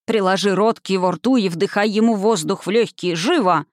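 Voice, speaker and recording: Brief: gruff old nanny, bossy and barking, read by an audiobook narrator. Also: medium pitch, brisk, no room sound, studio quality, close to an everyday voice. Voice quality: mumbling, then barking orders.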